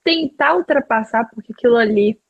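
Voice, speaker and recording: A woman's voice: on the high side, fairly quick, vocal fry, dry recording, muffled recording. A woman hosting a casual chat, rambling with lots of fillers and enthusiasm.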